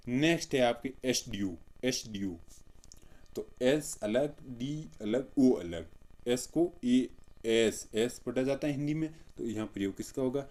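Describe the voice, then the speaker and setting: A man's voice: medium pitch, darkish tone. A male teacher giving an exam-prep grammar lesson, drilling points with repeated questions he answers himself.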